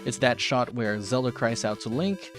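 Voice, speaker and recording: Over background music, a man with a mid-pitched voice narrates a casual tutorial on software and drawing. He sounds animated and moves at a normal speed, chatting informally and often at his own expense, like the host of an online art show.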